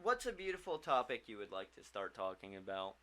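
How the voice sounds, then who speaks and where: A man's voice: fairly low pitch, big pitch swings, brisk, sharp tone, a little hiss or hum. A man co-hosting a casual chat with friends, easygoing and steering the talk. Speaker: podcast co-host.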